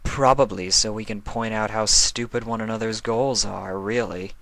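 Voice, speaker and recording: A man's voice: fairly low pitch, steady tone, moderate pace, fairly bright tone. A man voicing a haughty, grumbling female moon goddess pony, irritable and condescending, in a story reading.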